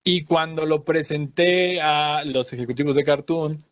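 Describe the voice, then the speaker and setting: A man's voice: a little high, flat delivery, measured pace, dry recording. A young adult man giving a conference talk about creating cartoons, explaining carefully and searching for his words.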